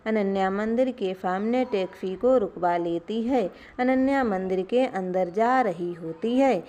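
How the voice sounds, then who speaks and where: A woman narrating a family story with slow, even storytelling. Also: medium pitch. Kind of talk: scripted narration.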